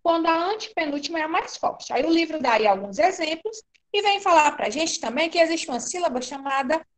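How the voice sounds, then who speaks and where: A woman's voice: high-pitched, expressive, brisk. A woman with a Brazilian Portuguese accent teaching an online class, reassuring and often asking "tá certo?".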